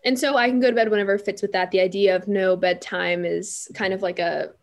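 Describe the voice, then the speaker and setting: A teenage girl, a guest musician, tells stories in an interview with a middle-pitched, creaky voice. She's chatty, animated, and brisk, tripping over restarts and filler words along the way.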